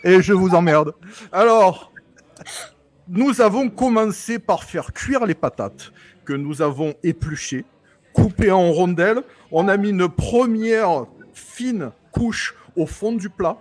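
Cheeky man with a high voice. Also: expressive, slow, darkish tone, no room sound. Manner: mock-grand, cheeky, crude jokes. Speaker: guest co-host of a cooking podcast. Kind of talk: playful podcast chat.

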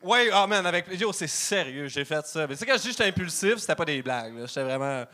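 A man's voice: a little high, animated, fast talker, bright, forceful tone. A man with a Québécois French accent, joking and laughing through casual banter as a comedian guest.

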